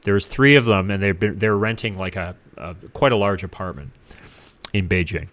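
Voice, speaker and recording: A middle-aged man from Canada, a guest casually telling his life story in an animated way, acting out what others said. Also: low-pitched, normal speed. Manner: animated, acts out what people said.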